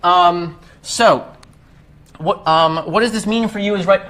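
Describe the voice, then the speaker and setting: Young man, high-pitched voice, classroom instructor, casual, lots of um and self-corrections. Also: a little slow, pushed and bright. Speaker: workshop instructor. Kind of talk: live coding lecture.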